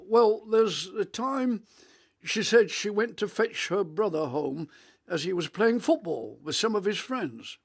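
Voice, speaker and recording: A man, playing a rambling, reminiscing elderly grandfather on a video call in a radio monologue; his voice is rich and melodious, with halting restarts. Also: sits high, vocal fry, breathy edge, exaggerated voice. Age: 80s.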